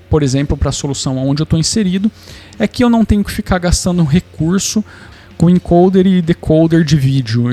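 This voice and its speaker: A man with a Brazilian Portuguese accent and a voice pitched a bit high for a man. He explains tech setups casually, thinking out loud with frequent restarts and tag questions to the viewer. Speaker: tech channel host.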